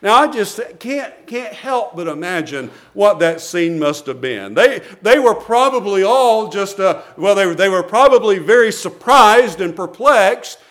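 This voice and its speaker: A man with a notably high voice preaches a sermon from the pulpit of a church. He talks earnestly, stumbling over and repeating words as he restarts his phrases. He chuckles softly between his points. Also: expressive, unhurried, hardly any pauses.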